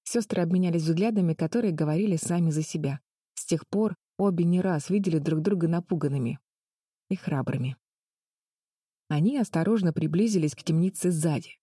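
A woman reading a children's adventure audiobook in a calm, measured way. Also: fairly low pitch, husky, no room sound, studio quality. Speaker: narrator. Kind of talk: scripted audiobook narration.

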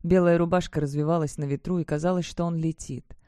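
A woman narrating a first-person fantasy audiobook in a steady, measured way. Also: low-pitched, dry recording, clean studio sound.

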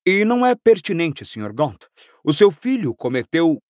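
A man's voice: a little high, sing-song, normal speed, darkish tone, no echo, voice pushed up. A polite but unyielding ministry official speaks in a raised, earnest tone, as a male audiobook narrator voices him. His lines are firm and careful, recorded close and dry. He sounds like a stiff officer in a read-aloud story.

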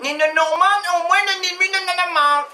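A man's voice: very high-pitched, steady tone, normal speed, sharp tone, echoey room, recorded from a distance, pitched above the performer's own voice, exaggerated voice. A man voicing a fussy, indignant character who keeps correcting how his odd name is said.

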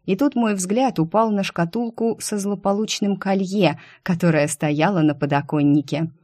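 A woman's voice: mid-range voice, steady tone, normal speed, mellow, dry recording. A woman reading a first-person fantasy story aloud, with a wry, dry comic delivery. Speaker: audiobook narrator.

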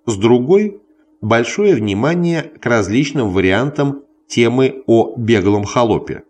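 A man reading a scholarly history text aloud in measured separate phrases, as if dictating it. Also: lowish voice, darkish tone. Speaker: audiobook reader.

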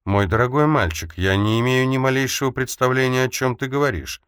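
A man's voice: mid-range voice, fairly quick, fairly bright tone, clean tone, dry recording, studio quality, pitched above the performer's own voice, lightly acted. A man reading the lines of a composed, guarded middle-aged woman who keeps her feelings hidden. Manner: composed, impassive.

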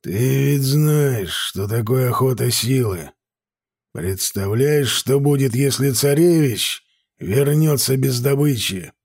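A man voicing a stern male warrior who gives orders in a slow, menacing drawl. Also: medium pitch, lively intonation, a little mellow, husky, exaggerated voice. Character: stern male warrior overseer, cold, commanding.

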